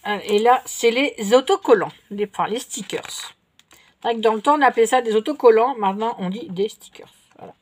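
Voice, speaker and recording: A middle-aged woman doing a casual show-and-tell haul of craft supplies, chatty and unhurried, often pausing to correct herself. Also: a little high. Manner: chatty and unhurried, many fillers and self-corrections. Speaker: vlogger showing craft purchases.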